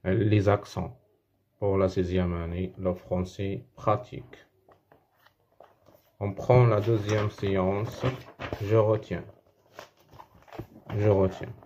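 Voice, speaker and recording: A man with a Moroccan accent teaches a French spelling lesson to schoolchildren. His voice sits low and he talks very slowly, repeating words and circling back as he explains. The recording sounds dull and lo-fi. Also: flat delivery, a little mellow, slight background noise. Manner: slow, repeats words and restarts while explaining.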